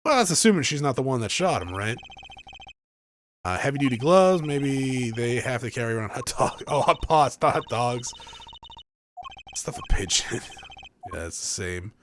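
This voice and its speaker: A man's voice: mid-range voice, big pitch swings, normal speed, pauses often, slight background noise. A man hosting a let's play, commenting on a game in an offhand, joking way and laughing often. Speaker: gaming channel host.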